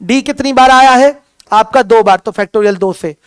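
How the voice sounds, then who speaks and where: A male math teacher with a very high, smooth and resonant voice. He keeps calling his students his children and poses questions that he answers right away. The sound is dry and close, with no room echo. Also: moderate pace. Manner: calls students "my children", asks questions and answers them himself. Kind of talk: classroom lecture.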